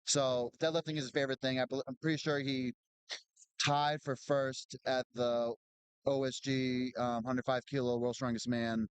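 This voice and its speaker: A man's voice: medium pitch, level tone, normal speed, clean tone, dry recording, poor audio. A man commentating live at a strongman competition in a chatty, knowledgeable way, often restarting his sentences. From Boston area.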